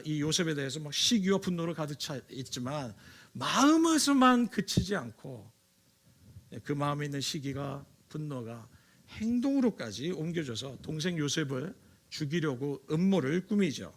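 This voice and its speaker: Male pastor, sermon delivery, somewhat higher voice, animated storyteller who pauses on fillers. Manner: animated storytelling, acts out quoted lines in raised voice; frequent hesitation fillers.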